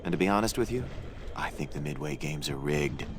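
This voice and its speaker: An actor playing a polite, officious cannibal islander in a comic adventure game, speaking deadpan like a tour guide. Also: male voice, rumbling low, a little fast, background noise. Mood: grumbling. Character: civil, polite male cannibal islander villager with modern tastes.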